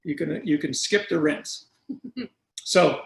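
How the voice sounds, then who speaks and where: A middle-aged man hosts a wine tasting over a video call, explaining things in a relaxed, chatty way. His voice sits a little high for a man. The sound is roomy and echoey. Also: slow, creaky. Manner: chatty, storytelling, self-correcting. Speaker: wine shop owner hosting a tasting. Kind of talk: casual explanatory talk. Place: room at a wine shop.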